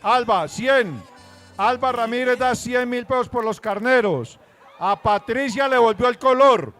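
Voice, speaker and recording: A man's voice: extremely high pitch, measured pace, fairly bright tone, faint music behind. A man with a Colombian accent from Antioquia co-hosting a live auction, announcing informally.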